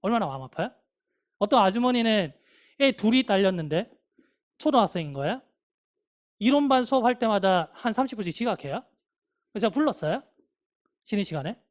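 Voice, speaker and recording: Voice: medium pitch, expressive, brisk, long pauses. An English grammar teacher giving a classroom lecture, talking chattily and emphatically, nagging students with rhetorical questions and acting out what people say. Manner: acts out quoted speech of students. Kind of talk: classroom lecture, motivational aside.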